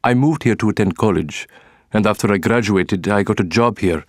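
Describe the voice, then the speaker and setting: An actor playing an engineer from Egypt who speaks calmly and plainly in a scripted textbook interview. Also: male voice, on the low side, moderate pace, no echo, studio quality, natural voice.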